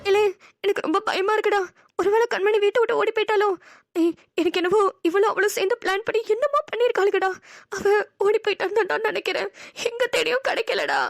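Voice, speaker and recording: A woman's voice: extremely high pitch, fast talker, creaky, no echo, studio quality, soft background music. A woman voicing an anxious, bossy elder sister in a cartoon, frantic and scolding. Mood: fearful. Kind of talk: cartoon voice acting.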